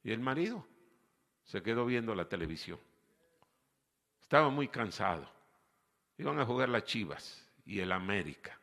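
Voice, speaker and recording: A man's voice: on the low side, sing-song, normal speed, gravelly, long pauses, a bit bright, big-room sound. A man preaching a sermon as pastor, with rhetorical questions and emphatic repetition. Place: church hall.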